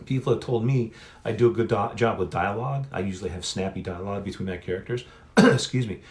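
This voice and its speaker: Middle-aged male author hosting a solo live Q&A on his phone. Low, gravelly voice, chatty and meandering. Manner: rambling, self-correcting, chatty. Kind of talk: casual solo livestream chat. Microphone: phone on a stand.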